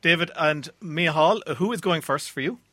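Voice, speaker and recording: A man's voice: on the high side, normal speed, bright, forceful tone, dry recording. An Irish-accented man presenting a radio quiz show as its host. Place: radio studio.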